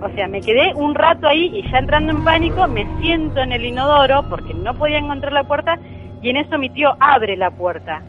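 A woman's voice: high-pitched, lively intonation, brisk, phone-quality sound, faint music behind. A woman with an Argentine accent telling a true ghost story as a guest, earnest and emphatic, repeating key phrases. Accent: Argentine Spanish.

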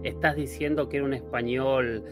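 Probing Argentine interviewer, heard from afar. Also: male voice, mid-range voice, fairly even intonation, normal speed, over music. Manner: probing, questioning.

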